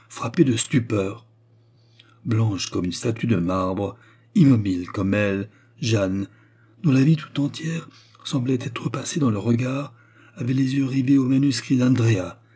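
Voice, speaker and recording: A man narrates a classic novel in an expressive, dramatic audiobook reading. His voice sits low, with a dark, mellow tone and a husky edge.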